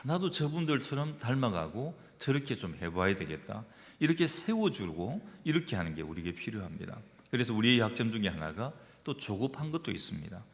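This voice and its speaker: A pastor from the region, preaching emphatically and putting rhetorical questions to the congregation. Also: male voice, mid-range voice. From Gyeongsang region, Korea. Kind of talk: sermon. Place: church sanctuary. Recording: long church-hall reverb.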